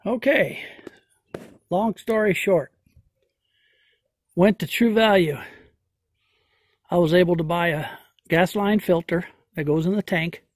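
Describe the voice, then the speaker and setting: Slow-talking folksy man fixing an engine. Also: high voice, breathy edge, dry recording. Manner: slow, folksy, thinks aloud with many fillers. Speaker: homesteader vlogger. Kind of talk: hands-on repair walkthrough. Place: outdoors in a yard.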